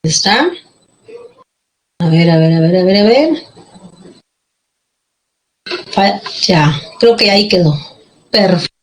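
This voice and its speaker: A woman's voice: lowish voice, expressive, measured pace, a little hiss or hum, poor audio. A woman teaching an online class, patient and checking often that students follow, with a Peruvian Spanish accent.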